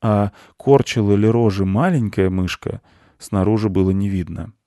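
A man reading a children's story aloud in an expressive, animated way. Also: fairly low pitch, moderate pace, no echo, studio quality. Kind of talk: storybook narration.

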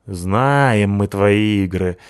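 A man's voice: mid-range voice, very animated, measured pace, a little mellow, no echo. A man voices a sceptical male cat in a children's storybook. His answers come out dry and offhand, and he sounds unimpressed by everything.

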